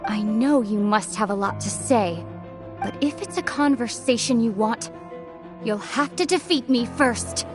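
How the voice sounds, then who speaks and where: A woman's voice: on the high side, measured pace, lightly acted. A woman voicing a proud female warrior commander who speaks in a resolute, formal tone. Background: music.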